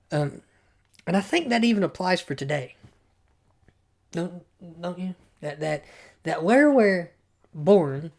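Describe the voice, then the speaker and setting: A Bible study teacher talking casually and thinking aloud, often stopping and repeating words. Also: mid-range voice.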